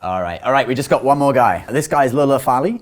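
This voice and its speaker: A man's voice: medium pitch, animated, fast talker. A man hosting a casual conversation, introducing and commenting on things in an informal way. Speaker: host.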